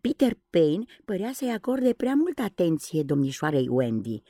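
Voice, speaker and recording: Husky low-voiced woman reading a storybook. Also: dry recording, studio quality. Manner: expressive, dramatic. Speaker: audiobook reader. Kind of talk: storybook narration.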